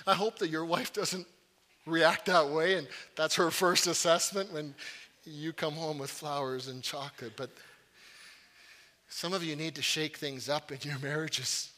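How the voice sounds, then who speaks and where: A man preaching a sermon, telling stories with energy, then turning to earnest, quieter appeals, and repeating words as he restarts phrases. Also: a little high, fairly even intonation, measured pace. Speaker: pastor.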